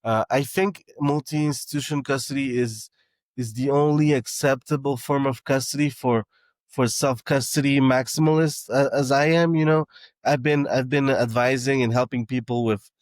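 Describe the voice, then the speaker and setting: This is casual interview talk from a man who grew up in Canada and founded a startup, appearing as a podcast guest. His medium-pitched voice holds a steady tone at normal speed, with many fillers and restarts, in a dry recording.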